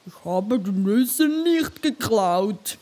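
A woman voicing indignant forest animals in a rhyming children's storybook, with loud, slow, stressed denials. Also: medium pitch, animated. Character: indignant forest animals, mole, hare and hamster.

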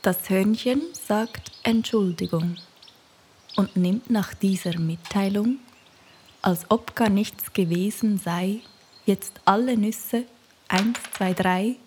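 A woman narrating a rhyming children's storybook in a soft, half-whispered voice. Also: medium pitch, slow pace, a little hiss or hum.

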